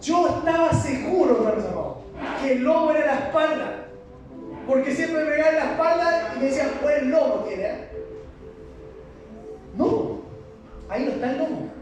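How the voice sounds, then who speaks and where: A man's voice: very high voice, a little fast, darkish tone. A man preaching a passionate sermon, asking the congregation rhetorical questions. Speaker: pastor. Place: church hall. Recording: echoey hall from far off with noise.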